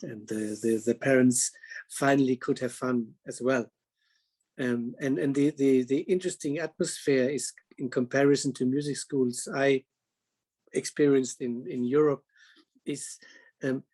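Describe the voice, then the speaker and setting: A man moderating a panel talk, speaking haltingly with many restarts and slightly non-native phrasing. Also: mid-range voice, steady tone, a little mellow.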